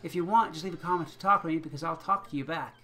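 A man's voice: fairly high pitch, very fast, sharp tone. A man giving casual, chatty commentary on his own gameplay, thinking aloud and chuckling often as he plays. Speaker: gaming channel host.

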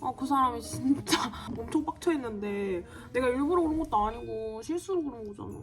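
A woman's voice: a little high, brisk, over music. Chatty young woman telling a story. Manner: chatty, animated, acts out quoted lines. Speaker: beauty vlogger. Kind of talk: casual storytelling while doing makeup.

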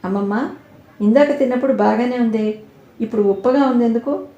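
A woman's voice: on the high side, fairly quick, dark tone, lo-fi sound, close to an everyday voice. Woman voicing a curious little village girl. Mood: eager. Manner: eager, questioning. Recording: roomy echo.

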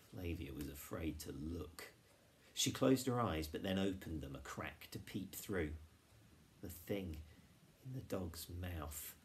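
Deep, slow-reading male storyteller. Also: slight background noise. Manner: measured, expressive narration. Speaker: reader.

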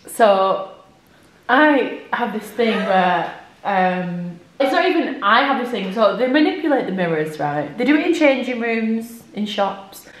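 A young woman chatting casually to camera as a vlogger, speaking softly and letting sentences trail off. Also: on the high side, lively intonation, measured pace. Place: bright open kitchen, indoors. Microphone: camera on the table. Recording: echoey room.

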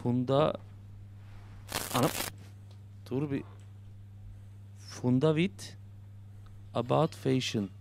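A man's voice: mid-range voice, steady tone, extremely slow, gravelly, long pauses, a little mellow, slight background noise. A young man commenting on a horror game he plays, joking and muttering to himself and yelping when startled. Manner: jokey, talks to himself, muttering then yelping in fright. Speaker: gaming YouTuber.

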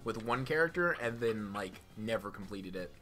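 A man's voice: lowish voice, animated, normal speed, noisy background. A young man co-hosting a let's play, chatting casually and swearing often, with rambling asides. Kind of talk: casual gaming commentary. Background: game music.

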